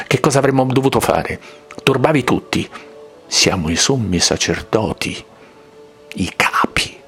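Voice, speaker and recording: A man voicing the high priests as one cold, self-righteous figure, in a bitter inner monologue that moves from musing to hard judgement. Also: a bit bright.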